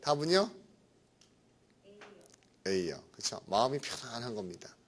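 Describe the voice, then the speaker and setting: Middle-aged male lecturer, animated swooping delivery, chatty, constantly checking in with students. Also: medium pitch, slow. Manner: chatty, keeps asking "right?". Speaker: English vocabulary lecturer. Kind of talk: classroom lecture.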